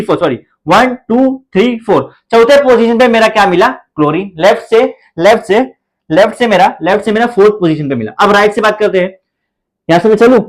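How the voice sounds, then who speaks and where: A man's voice: sits high, poor audio. A man with an Indian accent teaching a chemistry lecture, repeating his questions, answering them himself and counting aloud in a playful chant. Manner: repetitive, asks students questions and answers them. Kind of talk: classroom lecture.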